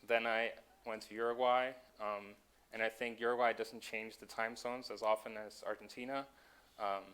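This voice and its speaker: A man's voice: mid-range voice, a bit bright, clean tone. A man from Denmark, giving a conference talk with frequent ums and self-corrections. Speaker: conference speaker.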